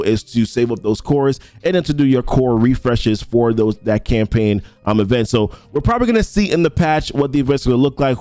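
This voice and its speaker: A young adult man with a warm, smooth, mid-range voice, recorded without echo, gives casual commentary on a mobile game update. As a mobile game content creator, he reads patch note ability text aloud and rambles, often restarting his sentences.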